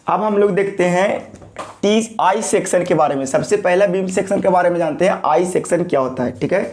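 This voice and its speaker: A lecturing man with a fairly high voice. He asks the class each term and then answers it himself. His throat is a little sore, which makes the voice slightly thick and hoarse. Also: fairly quick, darkish tone, a little hiss or hum. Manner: repeats key terms as call-and-response questions. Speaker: teacher.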